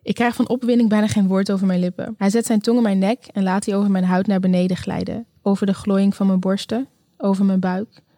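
A woman narrating a first-person erotic story slowly and sensually, in an intimate, close tone. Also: mid-range voice, flat delivery, mellow, no echo. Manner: slow, sensual, intimate delivery.

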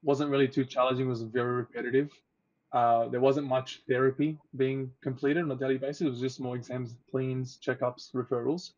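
A man in his twenties, an oral health therapist from Egypt, talking casually as a podcast guest with a relaxed, chatty manner and easy laughter. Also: medium pitch, brisk. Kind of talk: casual interview. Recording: dull lo-fi audio.

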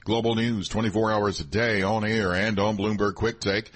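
A man's voice: on the low side, fairly even intonation, normal speed, fairly bright tone. A man anchoring a radio newscast, reading scripted world headlines. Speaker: news anchor.

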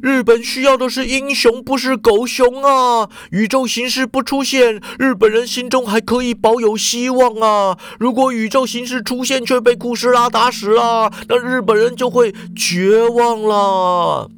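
A man's voice: extremely high pitch, steady tone, unhurried, few pauses, fairly bright tone, clear, resonant tone, dry recording, voice pushed up, exaggerated voice. A man voicing a depressed, cowardly former superhero who whines and wails. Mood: wailing despair. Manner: whiny, panicky, wailing.

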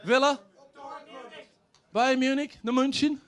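Brief: middle-aged ex-player man, high voice, brash comic yarns. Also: fairly even intonation, slow, a bit bright, some chatter behind. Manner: brash, punchy, sweary punchlines. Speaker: former footballer telling stories. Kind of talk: comic anecdotes, stand-up storytelling.

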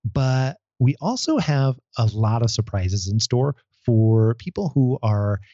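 A man's voice: mid-range voice, lively intonation, measured pace, warm tone, no room sound. Male podcast host, easygoing, dry close sound, slightly dull audio. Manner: playful, laughs often. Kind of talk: casual podcast chat.

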